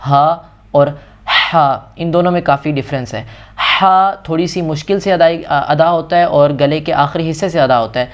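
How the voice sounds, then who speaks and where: Guy teaching quran letters, patient, stretches every sound, smooth voice, kinda dull lo-fi audio. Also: a little high. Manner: patient, repeats each letter slowly and drawn out. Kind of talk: step-by-step recitation lesson.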